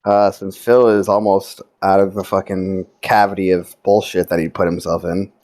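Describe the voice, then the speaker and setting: A man's voice: sits low, flat delivery, normal speed, darkish tone, no echo. A man playing a tabletop game, joking and swearing freely. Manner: profane, laughing banter. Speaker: player. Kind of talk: casual tabletop game play.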